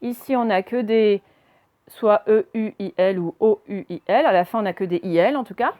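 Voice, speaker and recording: A woman's voice: mid-range voice, normal speed, warm tone. A woman teaching a spelling lesson to children, patiently spelling out words letter by letter.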